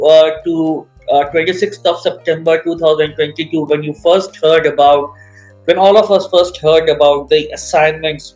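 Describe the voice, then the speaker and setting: A man's voice: fairly high pitch, a little mellow, dull audio. A man co-hosting a podcast, asking earnest questions in a casual chat. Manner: earnest, many fillers and restarts. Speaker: podcast co-host.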